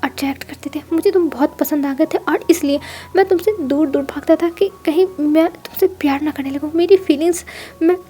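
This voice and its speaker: A reserved young man who says little and speaks softly, as a woman reading the story puts him on. The voice stays high with a mellow, warm tone. It sits in a plain read-aloud of fan fiction. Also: fairly quick, natural voice. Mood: tender. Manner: soft, low-key, few words. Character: quiet reserved young man confessing love.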